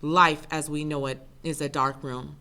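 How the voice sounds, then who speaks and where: A woman giving an intense, measured first-person spoken word performance. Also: low voice, flat delivery, pushed and bright, smooth.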